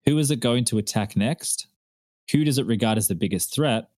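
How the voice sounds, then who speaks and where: A man's voice: mid-range voice, fairly quick, a little mellow, no echo, clean studio sound. A man running a tabletop role-playing game as game master, telling the scene descriptively in a casual way. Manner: descriptive storytelling, casual asides.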